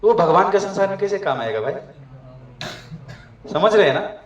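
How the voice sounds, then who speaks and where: A man's voice: sits high, animated, moderate pace. A man from Nepal gives a devotional talk to migrant workers and keeps asking his listeners questions. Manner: asks the audience questions often. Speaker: preacher. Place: room abroad with a gathering. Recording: echoey room, from far off.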